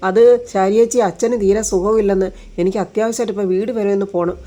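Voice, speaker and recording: A woman's voice: medium pitch, steady tone, fast talker, warm tone, close to an everyday voice. A woman reading as a composed young woman. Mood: tense.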